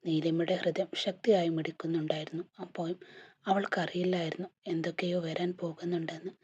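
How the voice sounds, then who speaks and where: Brief: low-pitched husky woman, soft hushed narration, dull lo-fi sound. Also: little pitch movement, fairly quick. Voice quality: husky, breathy. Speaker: storyteller. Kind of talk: scripted narration. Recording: dull lo-fi recording.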